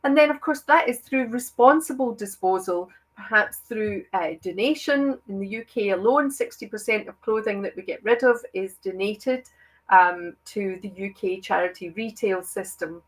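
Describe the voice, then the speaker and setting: A woman researcher speaks at a conference session in an earnest, emphatic way. Her voice sits in a middle register. She leans on key words and often pauses with fillers. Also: medium pitch, low-quality recording. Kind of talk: conference presentation. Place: online conference.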